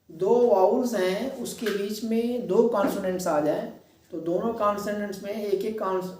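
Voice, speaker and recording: A man's voice: high-pitched, dark tone, slight background noise. A man teaching a lesson, explaining rules step by step and repeating key points, with an Indian English accent. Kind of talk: classroom lesson. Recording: echoey room, distant mic.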